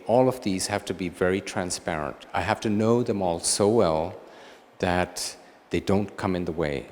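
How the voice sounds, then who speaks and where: A middle-aged man from Tanzania with a low, deep voice answers audience questions after his lecture. He talks in a reflective, unhurried way, pausing on ums and restarting his sentences. The sound carries the long reverb of a lecture hall. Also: darkish tone. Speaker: guest lecturer, photographer.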